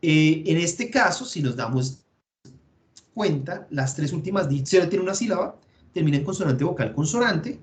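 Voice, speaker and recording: A man's voice: a little high, lively intonation, moderate pace. A man with a Colombian Spanish accent, teaching an English grammar class online and explaining each step patiently while thinking aloud.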